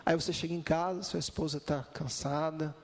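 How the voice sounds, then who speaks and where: A man preaching a sermon who tells lively stories and acts out the voices of the people in them. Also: a little high, moderate pace. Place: church hall. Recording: long reverb of a large hall.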